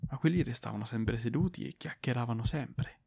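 A man's voice: mid-range voice, lively intonation, brisk, gravelly, darkish tone, husky, dry recording. A man giving an intense, theatrical reading of a horror story. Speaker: narrator.

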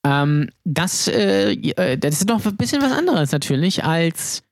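A man co-hosting a podcast in casual chat, talking in a chatty, halting way. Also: a little high, very animated, dry recording, studio quality. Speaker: podcast co-host.

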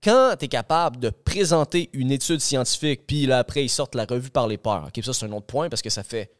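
On a casual podcast discussion, a co-host with a Québécois French accent argues his point loosely, packing his speech with fillers like "là" and "ok". His medium-pitched voice is fairly quick, in a clean studio recording with no room sound.

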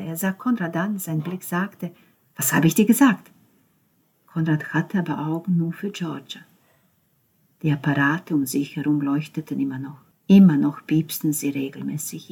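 A woman narrating an audiobook in a calm, measured reading voice. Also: sits low, slightly rough. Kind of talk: scripted narration.

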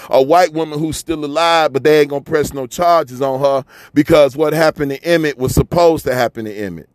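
A man's voice: a little high, no room sound. A man from Chicago delivering a fiery, repetitive, preachy monologue rant, often swearing as he hammers his points home. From Chicago, USA. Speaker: commentator.

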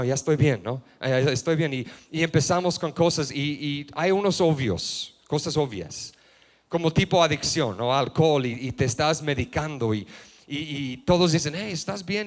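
Hombre predicando en tono coloquial. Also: male voice, sits high. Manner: casual storytelling, slang-filled, many restarts and quiet asides. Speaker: pastor. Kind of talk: sermon.

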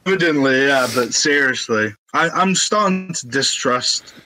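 A man's voice: medium pitch, expressive, unhurried, sharp tone, slight background noise, low-quality recording. A young man in casual chat, guessing answers with jokes and laughing a lot.

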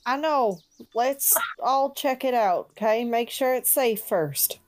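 A woman's voice: on the high side, lively intonation, takes it slowly, a little mellow, dry recording. A woman playing a tabletop game, talking playfully with stammers. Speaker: player. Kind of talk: tabletop role-play chat.

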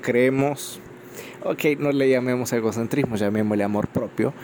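Recorded on a phone mic with slight background noise, this solo podcast has a Salvadoran host speaking with a Salvadoran Spanish accent in a mid-range, slightly mellow voice at a moderate pace. He rambles without a script and uses many fillers.

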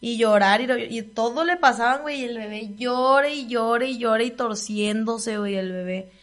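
A woman's voice: a little high, normal speed. A young woman with a Mexican accent, co-hosting a podcast and telling a story in casual, slangy, emphatic chat. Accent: Mexican Spanish. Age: young adult. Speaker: podcast co-host.

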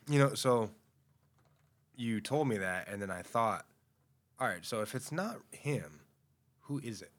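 A man's voice: lowish voice, expressive, slow, long pauses. A man co-hosting a podcast in casual chat, thinking aloud and musing over questions.

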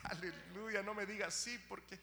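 A middle-aged man preaching a sermon as guest pastor, moving from quiet talk to shouting and stammering at times. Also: high-pitched, fairly even intonation, normal speed, gravelly. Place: church hall. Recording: reverberant church hall with hum.

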